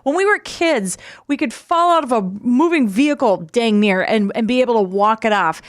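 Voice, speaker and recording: A woman's voice: on the high side, animated, normal speed, no echo, studio quality. A woman co-hosting a talk show, chatting casually and joking back and forth with her co-host. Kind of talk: casual chat.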